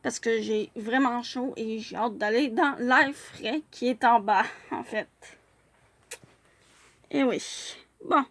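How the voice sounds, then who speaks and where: A woman's voice: fairly high pitch, slow, a bit bright, no room sound. A woman chatting casually in a vlog as she reviews fan profiles, hesitating often with filler sounds and restarts.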